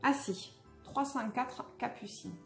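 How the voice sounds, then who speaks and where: A woman's voice: fairly high pitch, takes it slowly, fairly bright tone. A young adult woman chatting casually through a makeup unboxing, hesitant with many fillers and restarts. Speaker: beauty vlogger. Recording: echoey room, faint music.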